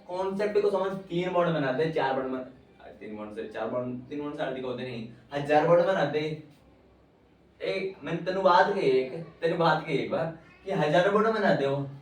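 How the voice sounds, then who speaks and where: A man with a slightly high voice teaches chemistry at a whiteboard, chatting and teasing as he speaks directly to his student, whom he calls "bhai." It's an informal lecture in a classroom, recorded in a very echoey room with a distant mic and faint noise.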